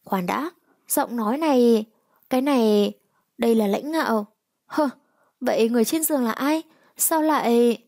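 A woman voicing a fierce, stubborn young heroine who snaps back with sharp, defiant retorts. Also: a little high, normal speed, pauses often, no room sound, clean studio sound, close to an everyday voice.

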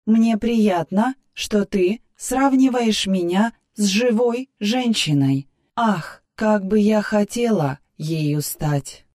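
A woman voicing a capricious female artificial intelligence who lives in the hero's head, talking softly and musingly in an audiobook. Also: mid-range voice, takes it slowly, natural voice. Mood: playful. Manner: soft, musing, wheedling. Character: capricious female AI partner inside a man's head. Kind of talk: audiobook character voice.

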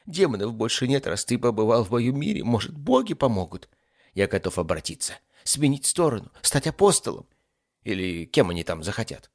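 A man's voice: mid-range voice, sing-song, a little fast, voice pushed up. A man voicing a small, whiny, cowardly young male demon who panics, pleads and whimpers. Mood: desperate.

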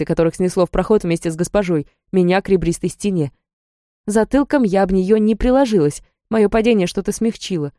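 A woman narrating a first-person story in a steady, even storytelling manner. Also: medium pitch, no room sound, studio quality. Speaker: audiobook narrator.

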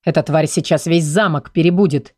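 A woman voicing an irritated male castle guard who growls and grumbles in a lowered voice. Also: brisk, darkish tone, dry recording, clean studio sound.

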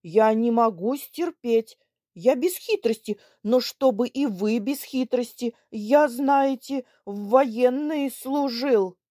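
A woman voicing a gruff, hot-tempered old retired army man who talks loudly and indignantly, for an audiobook. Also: on the high side, slow pace, dry recording, clean studio sound, voice pushed up. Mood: angry. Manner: loud, indignant, bellowing.

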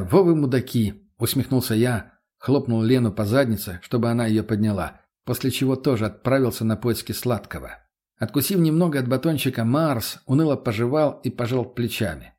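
Man, audiobook narrator, husky, gruff, deadpan, mid-pitched. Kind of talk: first-person audiobook narration.

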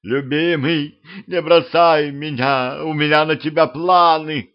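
A loud, jilted village woman calls after the man she lost, clingy one moment and threatening the next, as a male storyteller puts her on. Her voice sits high and strained. The sound is dull and lo-fi, like a home recording. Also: fairly even intonation, slow, clean tone. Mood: pleading.

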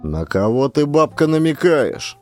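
A man doing a brash, gruff young joker. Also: fairly high pitch, big pitch swings, measured pace, a little mellow, soft background music, pitched above the performer's own voice. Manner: gruff, mocking, bossy. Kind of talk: audiobook character voice.

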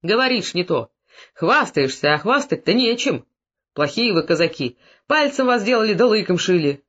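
A man reading an audiobook, voicing a drunk, quarrelsome older male Cossack who scolds and shouts. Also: sits high, big pitch swings, moderate pace, heavily acted. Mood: scolding. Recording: dull lo-fi recording.

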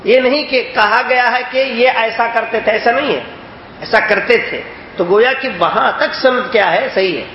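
High-voiced man teaching in an echoey room. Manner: explains with questions to listeners. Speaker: hadith teacher. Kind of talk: religious lesson. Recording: echoey, dull lo-fi recording with faint noise.

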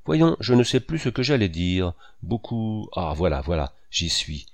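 A man's voice: low-pitched, big pitch swings, exaggerated voice. A man voicing a flustered chattering old society lady. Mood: fussy gushing. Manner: rushed, piling up phrases, repeating herself.

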